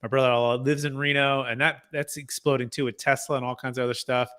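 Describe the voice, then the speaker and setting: A man's voice: mid-range voice, flat delivery, quick pace, fairly bright tone, clear, resonant tone. A man hosting an interview podcast, upbeat and encouraging toward his guest. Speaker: podcast host.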